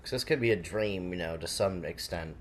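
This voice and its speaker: A man with a low voice talks casually as a film co-commentator. He is informal and a little halting. The sound comes from a portable recorder in a living room, with faint background noise. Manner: informal, halting, joking asides. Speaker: filmmaker co-commentator. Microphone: handheld portable recorder in the room. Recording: noisy handheld room recording.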